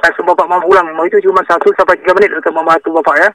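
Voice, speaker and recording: A man's voice: sits high, flat delivery, very fast, a bit bright, no echo, recorded from a distance. A man on a phone call giving repetitive, insistent instructions and often checking that he is understood. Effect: heard over the phone. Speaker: phone scam caller.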